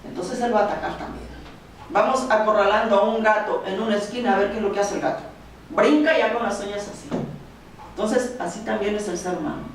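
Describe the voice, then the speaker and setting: A woman giving a lecture to an audience, speaking slowly and emphatically as she lists one point after another. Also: mid-range voice, slight background noise. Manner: slow, emphatic delivery of long lists. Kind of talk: motivational lecture. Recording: very echoey hall, from far off.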